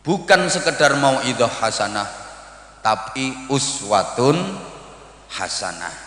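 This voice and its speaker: A middle-aged man with an East Javanese accent, preaching a humorous sermon to students and acting out greetings in lively voices. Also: medium pitch, slow pace. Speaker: Islamic preacher. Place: large hall at a boarding-school event. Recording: echoey hall with long reverb.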